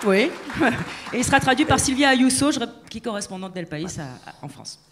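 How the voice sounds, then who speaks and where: A woman's voice: fairly high pitch, expressive, a little fast, noisy background. A woman hosting an award ceremony, announcing nominees and winners. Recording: music and crowd behind voice.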